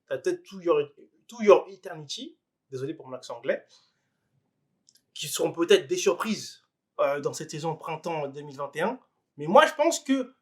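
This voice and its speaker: Chatty high-voiced man hosting anime news. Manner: chatty, addresses viewer directly, many fillers. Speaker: anime news video host. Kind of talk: casual anime news vlog.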